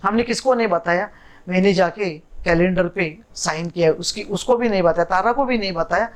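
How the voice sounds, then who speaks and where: A woman's voice: lowish voice, normal speed, poor audio. A middle-aged woman sharing a personal devotional story in an emotional, casual way, moving between languages. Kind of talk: casual spoken testimony.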